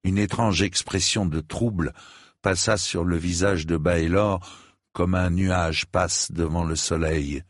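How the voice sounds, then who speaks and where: A man narrating a story in a measured, grave manner. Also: low voice, steady tone, no room sound, clean studio sound. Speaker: audiobook narrator. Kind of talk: scripted narration.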